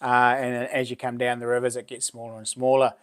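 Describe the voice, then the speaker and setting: A man's voice: mid-range voice, completely flat delivery, a little fast, a bit bright, smooth. A man in his late forties with a broad New Zealand accent, chatting casually to livestream viewers in laid-back, blokey slang. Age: late 40s. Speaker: livestream host. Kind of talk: casual live chat with viewers.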